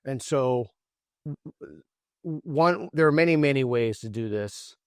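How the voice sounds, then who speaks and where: Man, guest in an interview, earnest, argumentative, halting restarts, mid-pitched, dry close sound. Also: lively intonation, smooth, no echo. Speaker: guest author. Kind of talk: interview conversation.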